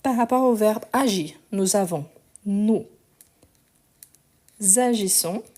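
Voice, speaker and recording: A woman's voice: medium pitch, slow pace, a little mellow. A woman teaching a live online grammar lesson, patiently explaining step by step and spelling out endings letter by letter, her voice a bit weak, recorded on a phone. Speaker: French teacher.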